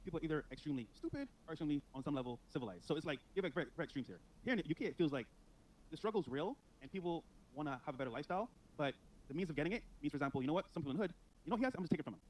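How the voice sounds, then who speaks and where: A young man from Miami talks very quickly in a slightly raised voice, explaining his views in a matter-of-fact way. He is a guest in a casual podcast chat, with faint room noise behind him. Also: a little high, animated, rough recording.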